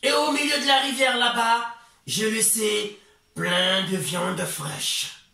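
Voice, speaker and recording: A man voicing a falsely friendly, scheming male crocodile in a children's tale, with high coaxing questions and low, slow murmured promises. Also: gravelly, bright, forceful tone, full character voice. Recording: echoey room from far off.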